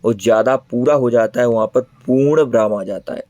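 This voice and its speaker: A man's voice: medium pitch, brisk, warm tone, no echo. A man teaching an online exam prep lesson in speech, repeating each answer as he explains it.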